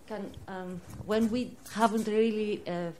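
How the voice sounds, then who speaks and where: A woman's voice: mid-range voice, fairly even intonation, measured pace, a little mellow, slight background noise. A woman in the audience making a hesitant comment, often searching for words. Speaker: audience member. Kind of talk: spontaneous comment.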